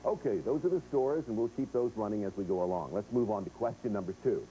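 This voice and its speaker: A man's voice: on the low side, expressive, fast, warm tone, rough recording. A man hosting a game show, chatting directly to players and viewers as he explains rules and reads quiz questions. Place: television studio.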